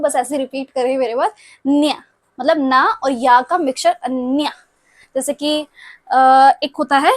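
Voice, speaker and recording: A woman's voice: sits high, no echo. A young woman teaching a language lesson, explaining step by step and often checking whether her students follow.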